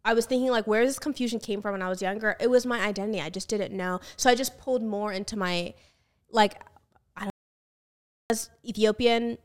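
A woman's voice: mid-range voice, a little fast. Chatty young woman podcast host. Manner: chatty, laughs often, lots of "like". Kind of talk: casual chat.

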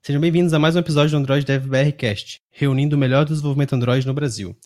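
Man, Brazilian Portuguese accent, very quick pace, mid-range pitch, casual podcast host. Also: fairly even intonation, darkish tone.

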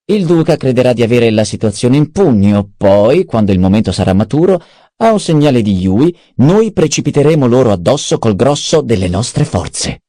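A man's voice: medium pitch, very animated, normal speed, dark tone, no room sound, clean studio sound, pitched above the performer's own voice, natural voice. A man voicing a cunning, self-satisfied male adviser in an audiobook, eager and precise. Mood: scheming. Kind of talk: audiobook character voice.

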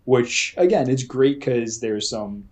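A young man in relaxed podcast talk, voice sitting at an everyday middle pitch. He tells stories with animated emphasis and slips into the voices of people he quotes. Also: slow. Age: young adult. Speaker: podcast co-host. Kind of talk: casual chat.

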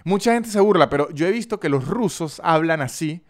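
Slightly high and a little fast, this man's voice carries lively intonation and a San Cristóbal Venezuelan Andean accent. On his solo podcast he jokes, pokes fun at himself, talks straight to the audience and reads sponsor spots.

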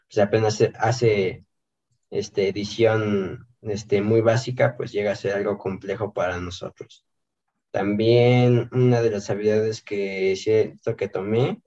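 A man's voice: fairly low pitch, darkish tone. A young man hosting a student podcast in casual talk, hesitant and often searching for his words. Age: young adult. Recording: dull, lo-fi sound.

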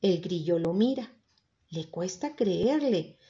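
A woman reading a children's story aloud, calm and expressive. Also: fairly low pitch, takes it slowly, muffled recording. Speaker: narrator.

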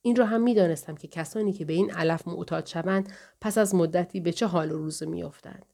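A woman reading a novel aloud in the first person, calm, measured and somber. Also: fairly low pitch, creaky. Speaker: audiobook narrator.

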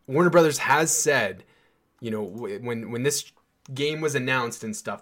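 This is a young podcast host with a medium-pitched, slightly bright voice, chatting casually and enthusiastically with frequent fillers and restarts.

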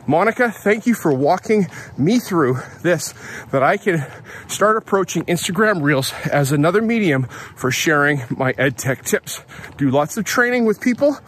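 Man, podcast host, fairly high voice, rambling outdoor diary, faint outdoor hiss behind. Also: fairly bright tone. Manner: chatty, rambling, self-correcting. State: out of breath. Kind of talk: casual outdoor audio diary. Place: outdoors on a hill at dawn.

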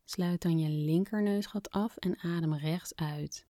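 Soft, mellow woman guiding relaxation. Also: lowish voice, unhurried, no echo, studio quality. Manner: gentle, calm, instructional, with breathy near-whispered phrase endings. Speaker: podcast host and breathing exercise guide. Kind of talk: soft, soothing guided relaxation narration.

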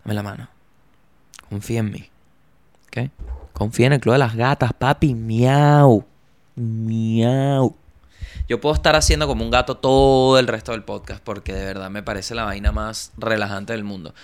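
A man's voice: lowish voice, fairly even intonation, a little fast. Joking young man, podcast host. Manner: playful, joking, slangy, shifts into bits and impressions. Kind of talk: casual comedic podcast chat.

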